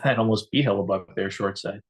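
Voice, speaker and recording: A Canadian man co-hosts a casual fan stream for watching a game, chatting easily and reading viewer comments aloud. His voice is fairly low, brisk, and slightly rough.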